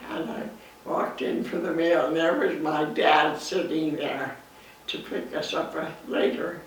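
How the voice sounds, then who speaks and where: A woman in her nineties with a Canadian accent, reminiscing in an interview in a halting way, pausing mid-sentence. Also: sits low, fairly even intonation. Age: 90s. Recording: echoey, distant mic, faint noise.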